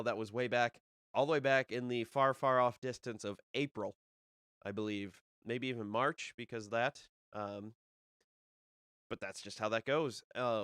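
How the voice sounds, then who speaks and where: On his casual solo live stream, a young disc golf podcast host keeps restarting his sentences and leaning on fillers as he rambles. His mid-range voice has a fairly bright, smooth, resonant tone, a touch nasal because of a cold. The audio is close and dry with no echo from the room.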